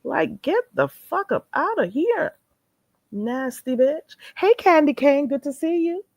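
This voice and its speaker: Speaking a little slowly in a high, animated voice, this woman hosts a live stream full of blunt, foul-mouthed gossip. Her tone is gravelly and darkish, her nose a bit stuffy, and she pauses to greet and thank viewers as she talks. The recording sounds dry.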